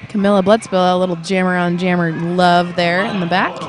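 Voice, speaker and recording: A woman doing live play-by-play commentary for roller derby, chatty and quick to laugh while joking with her co-host. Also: lowish voice. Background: crowd at a live derby bout.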